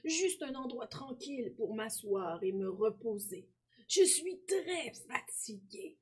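Woman reading weary aging man from a storybook, plaintive, high-ish, husky. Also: lively intonation, measured pace, a little mellow. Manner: tired, plaintive. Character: weary aging man who once was a boy. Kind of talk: storybook read-aloud.

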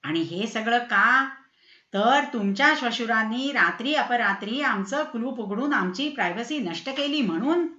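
A woman voicing an irate, shouting bare-chested male neighbour in a storybook reading. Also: very high voice, animated, moderate pace, echoey room, highs cut off, exaggerated voice. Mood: indignant. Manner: shouting, indignant.

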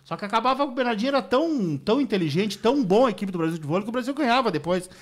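Rapid-fire high-voiced man. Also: animated. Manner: rapid opinionated talk, piling up clauses. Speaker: radio sports commentator. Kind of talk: casual studio discussion. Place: radio studio.

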